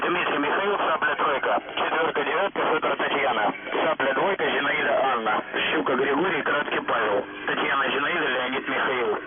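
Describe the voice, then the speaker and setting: Man speaking over a tinny radio. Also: fairly high pitch. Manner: flat, measured, repetitive radio procedure. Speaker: radio operator. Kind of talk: reading call signs in phonetic alphabet. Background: loud music.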